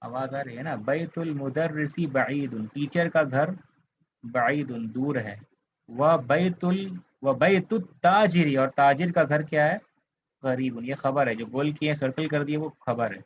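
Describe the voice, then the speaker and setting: A man's voice: mid-range voice, measured pace. A man from India with an Indian accent, teaching an Arabic grammar lesson, patiently repeating points and checking that students follow. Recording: slightly dull lo-fi audio with faint hiss.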